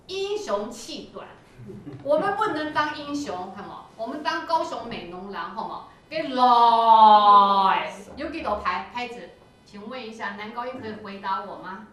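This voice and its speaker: A woman choir teacher coaching singers in rehearsal, energetic and coaxing, sometimes singing a phrase to show how it goes. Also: fairly high pitch, moderate pace, slight background noise. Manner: energetic, coaxing, breaks into sung demonstrations. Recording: echoey hall, voice from far off.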